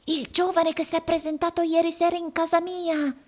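Woman putting on a shrill old miser. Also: level tone, normal speed. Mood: alarmed. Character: old male miser, fawning and nervous.

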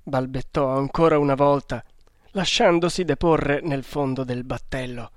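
A man narrating an adventure storybook in a slow, deliberate reading. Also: mid-range voice, fairly even intonation, dry recording, studio quality. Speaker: audiobook narrator.

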